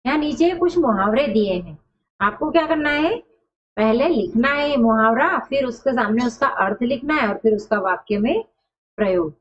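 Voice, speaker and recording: Woman teacher with a slightly high voice. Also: animated. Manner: asks questions and answers them herself, repeating words slowly. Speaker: school Hindi teacher. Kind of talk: classroom lesson explaining a textbook chapter. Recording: dull lo-fi sound.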